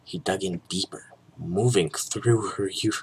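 A young adult man giving a hammy, mock-serious dramatic reading of a story, with drawn-out theatrical pauses. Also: deep voice, low-quality recording. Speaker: reader of a fan fiction story. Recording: noticeable background noise.

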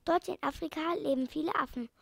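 A woman's voice: sits high, a little fast, vocal fry, dry recording. A woman reading a storybook aloud, voicing a swallow messenger who pleads urgently for help.

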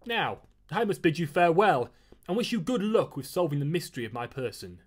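A man voicing a mysterious, smirking young gentleman of about twenty-two, formal and mocking, with a raspy voice. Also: a little high, very animated, fairly quick. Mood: teasing.

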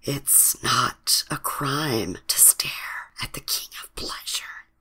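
A woman's voice: extremely low pitch, slow, fairly bright tone, pitched below the performer's own voice, heavily acted. Woman doing a smug, teasing billionaire man.

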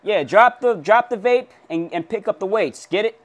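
In a small pink-walled bedroom, a young man trolls strangers on a random video chat, acting mock-tough and boastful. His voice sits high and sounds expressive at a normal speed, full of teasing, gym-bro bragging.

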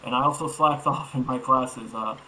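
A man's voice: mid-range voice, fairly even intonation, moderate pace, sharp tone, rough recording. A man in his thirties from Iraq, raised in Florida, answering interview questions fluently and upbeat over a video call. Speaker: guest developer. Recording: faint ambient noise.

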